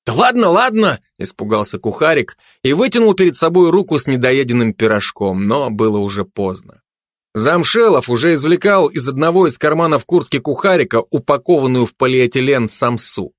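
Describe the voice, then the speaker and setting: A man reading a story aloud as narrator in an expressive, animated way. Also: medium pitch, brisk, dry recording, studio quality. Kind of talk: audiobook narration.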